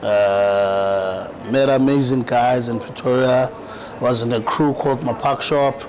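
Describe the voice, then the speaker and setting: A man's voice: mid-range voice, fairly even intonation, measured pace, crowd noise, poor audio. A South African man in his thirties, a rapper and actor, talking easily in a podcast interview and often repeating words and saying "you know". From South Africa, Eastern Cape.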